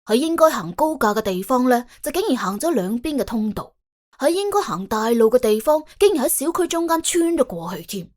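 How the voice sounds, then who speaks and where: High-pitched and brisk, with big pitch swings and a slightly mellow quality, this woman's voice carries an audiobook narration. She speaks with a Hong Kong or Guangdong Cantonese accent, giving a colourful scripted story a dramatic, colloquial, humorous telling.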